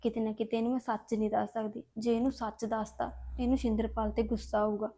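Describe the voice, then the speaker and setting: A woman's voice: on the high side, fairly even intonation, normal speed, natural voice. An actress with a Punjabi accent playing a wronged young woman who speaks in a subdued, resigned way. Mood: worried. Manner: subdued, resigned, soft-spoken. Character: wronged young woman, Harpreet, thrown out by relatives. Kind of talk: Punjabi web drama acting.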